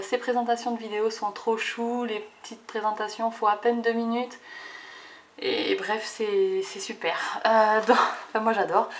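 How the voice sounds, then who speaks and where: A woman's voice: mid-range voice, a little hiss or hum. A woman chatting casually while showing her scrapbooks, hesitant with many fillers and restarts. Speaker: scrapbooking vlogger. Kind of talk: casual show-and-tell.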